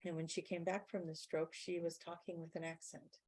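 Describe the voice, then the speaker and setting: A woman channelling a guide being in a spiritual question-and-answer session, explaining in a measured way and slowing down to stress key words. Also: on the low side, flat delivery, a little mellow.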